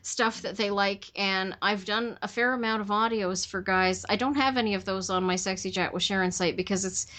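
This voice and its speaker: A woman at a middle pitch hosts a casual podcast chat. She tells candid stories about her work, and her talk is chatty and unguarded, with frequent laughter. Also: fairly even intonation, moderate pace, hardly any pauses, sharp tone. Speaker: podcast host.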